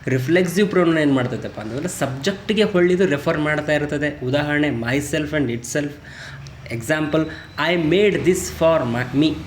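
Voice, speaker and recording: A man teaching grammar, reading his English example sentences slowly and deliberately. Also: on the high side, reverberant, a little hiss or hum. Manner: slow, deliberate English example sentences between quick Kannada explanations. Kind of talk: explaining grammar in a lesson.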